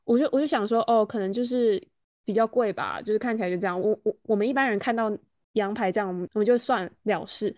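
A woman's voice: medium pitch, quick pace, darkish tone, no echo, clean studio sound. A woman with a Taiwanese Mandarin accent, co-hosting a casual podcast and complaining in a chatty way. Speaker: podcast co-host. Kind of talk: casual chat.

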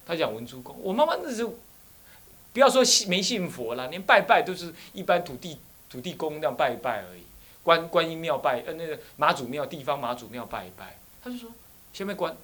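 Animated monk telling stories. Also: male voice, a little high, fairly quick. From Taiwan. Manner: animated storytelling, slips into Taiwanese phrases. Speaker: Buddhist abbot. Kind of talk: dharma talk with personal stories.

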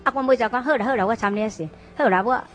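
A woman from Taiwan sharing her conversion story as an interview guest, telling it in an animated way and often quoting others. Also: on the high side, very fast. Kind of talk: lively personal testimony in casual conversation.

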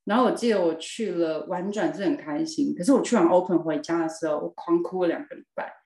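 A woman tells her own story as a podcast guest. She speaks expressively, with emphatic repeats and bursts of laughter. Her voice is mellow and a little dark, and it carries a roomy echo. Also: lowish voice, fast talker. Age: 40s. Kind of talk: personal storytelling in a podcast interview.

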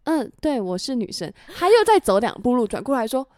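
A young Taiwanese Mandarin-accented woman tells a story on a casual podcast. She talks fast in a lively, swooping voice a little above the usual pitch and acts out the quoted lines. The sound is dry and close to the mic. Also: no room sound. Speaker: podcast co-host. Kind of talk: casual chat.

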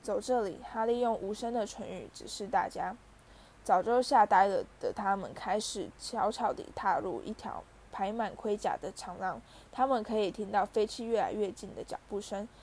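A woman's voice: medium pitch, moderate pace. Woman narrating a storybook. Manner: lively, voices the characters. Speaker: audiobook reader.

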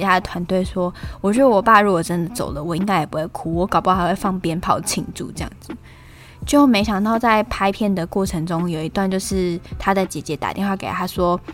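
A woman with a Taiwanese Mandarin accent hosting a casual film review podcast, retelling scenes in a chatty way and acting out quotes. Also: mid-range voice. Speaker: podcast host.

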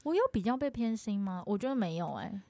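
A woman's voice: medium pitch, fast, no room sound, clean studio sound. A young woman, co-hosting a podcast in casual, chatty conversation. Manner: animated, chatty storyteller. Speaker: podcast co-host. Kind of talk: casual chat.

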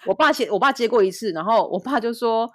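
A woman from Taiwan co-hosting a casual chat podcast, telling stories with lively mimicry and frequent laughter. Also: a little high, fast, no echo, studio quality. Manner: lively storyteller, mimics others, laughs often. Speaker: podcast co-host.

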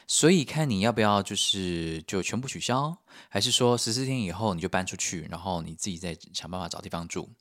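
A man's voice: lowish voice, no room sound, studio quality, close to an everyday voice. A man voicing a polite young woman hostel clerk who is sweetly apologetic and sing-song.

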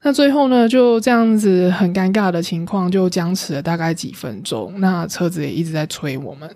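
A woman's voice: fairly low pitch, animated, moderate pace, dark tone, no echo. A woman with a Taiwanese Mandarin accent telling a travel story in a casual, chatty podcast monologue, full of fillers and self-corrections.

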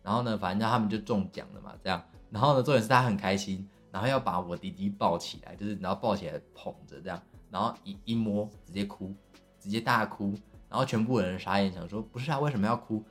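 A man's voice: lowish voice, fast talker, faint music behind. A young man with a Taiwanese Mandarin accent, casually telling a long family story on his podcast, rambling with many fillers and restarts. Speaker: podcast host.

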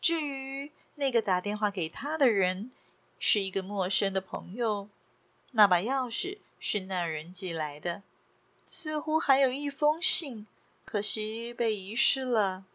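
A woman reading a story aloud in steady scripted narration. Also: mid-range voice, unhurried, dry recording. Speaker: audiobook narrator.

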